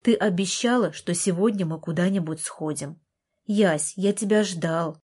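A woman's voice: on the low side, measured pace, darkish tone, slightly rough. A woman voicing a sullen, resentful thirteen-year-old boy who snaps back at his sister, in an audiobook. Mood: sulky. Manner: sullen, snapping.

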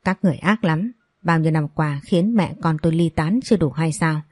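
A woman's voice: deep voice, brisk, no echo, studio quality. A woman voicing a resentful middle-aged woman who accuses a man of old betrayals, in a storybook reading. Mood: bitter.

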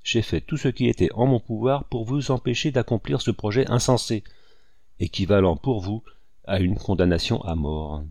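A man reading aloud voices a commanding male general, speaking forcefully and with agitation. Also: lowish voice, normal speed, dry recording. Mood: grave.

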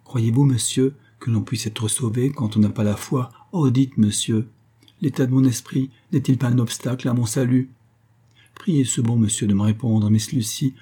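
A man's voice: mid-range voice, steady tone, moderate pace, mellow, slightly rough, close to an everyday voice. A man voicing a dying poor woman in an audiobook reading, anxious and pleading. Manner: pleading, breathless questions.

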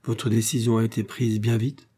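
A man's voice: lowish voice, level tone, moderate pace, warm tone, slightly rough. A man reading aloud, voicing a young man who speaks plainly and mildly reproachfully. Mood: surprised. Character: young man, surprised friend.

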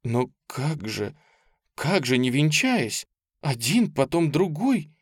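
A man's voice: a little high, big pitch swings, takes it slowly, breathy edge, dry recording, studio quality, voice pushed up, exaggerated voice. A man reading a story, voicing a timid, lonely young woman who speaks hesitantly and plaintively. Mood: dismayed.

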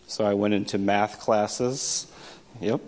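Speaking slowly in a lowish, fairly even voice over a noisy background, an American man from a small US town tells listeners a personal story. He's a storyteller, poet and teacher, and his manner is wry and self-deprecating as he acts out remembered dialogue.

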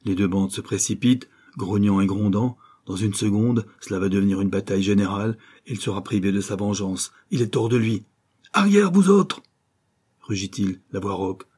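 A man's voice: on the low side, steady tone, fairly quick, few pauses, warm tone, breathy edge. A man reading a novel aloud as an audiobook narrator, in an intense, dramatic delivery.

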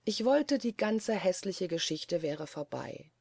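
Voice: medium pitch, expressive, takes it slowly, creaky, a little mellow, breathy edge, no room sound, clean studio sound, heavily acted. A reader voicing an uneasy young woman. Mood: troubled. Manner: earnest, reproachful. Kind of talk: audiobook character voice.

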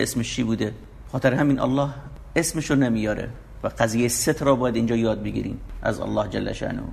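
A man's voice: medium pitch, vocal fry, darkish tone, a little hiss or hum. A man preaching a sermon, explaining scripture verse by verse in an emphatic, urging way.

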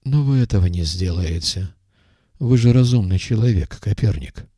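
A man reading an audiobook voices a stern, weary middle-aged intelligence chief who speaks in a measured, reproachful way. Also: on the low side, lively intonation, mellow, breathy edge, dry recording, studio quality.

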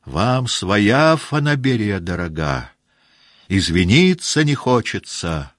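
A man's voice: fairly low pitch, sing-song, slow, fairly bright tone, no room sound, clean studio sound, pitched above the performer's own voice, heavily acted. A man playing a stern old cavalry captain. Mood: reproachful. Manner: reproachful, fatherly scolding.

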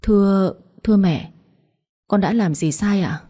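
A woman's voice: mid-range voice, measured pace, dark tone, slightly rough. A woman voicing a frightened, abused little girl who answers timidly with a shaking voice. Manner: trembling, timid.

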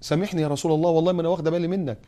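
A shrill, distraught woman crying beside a grave, her voice high and loud as she pushes away a stranger, put on by a male preacher in a sermon. She swings from sharp anger to pleading. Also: fairly even intonation, very fast, lightly acted.

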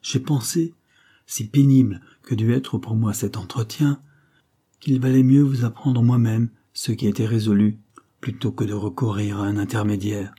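A man's voice: fairly low pitch, steady tone, moderate pace, warm tone, breathy edge. A man voicing a cold, stern young duchess in an audiobook, speaking in an icy, implacable tone. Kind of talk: audiobook character reading.

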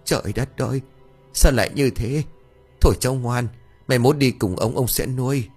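A man playing a kindly, stubborn village man near fifty who coaxes a child gently and bickers with his wife. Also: on the low side, expressive, brisk, soft background music. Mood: coaxing.

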